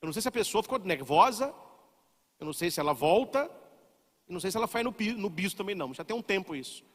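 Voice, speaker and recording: Animated preaching priest, high lively voice. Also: male voice, fast. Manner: animated, dramatic preaching that acts out quoted voices. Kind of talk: sermon. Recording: long reverb of a large hall.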